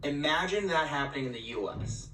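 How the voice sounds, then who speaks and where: A man's voice: on the high side, lively intonation, fairly quick, fairly bright tone. Wry man in an echoey clip. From New York, United States. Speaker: clip storyteller. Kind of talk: casual short-video storytelling. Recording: echoey phone video from a distance.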